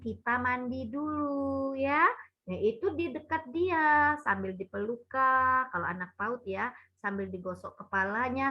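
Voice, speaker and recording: A woman with a somewhat high voice gives a parenting talk to parents. She often calls them Bapak Ibu and acts out the lines of mothers and children. The recording sounds dull and lo-fi. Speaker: parenting speaker.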